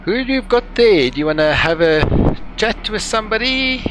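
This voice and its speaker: A man's voice: high voice, expressive, moderate pace. A man with a broad South African accent, commentating on sim racing as host and chatting casually. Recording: clear vehicle and ambient noise.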